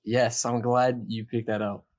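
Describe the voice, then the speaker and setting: An unhurried man, level in tone with a darkish, mid-range voice, hosts a podcast about a horror series. He reacts to videos in a casual chat, his explanations halting and meandering.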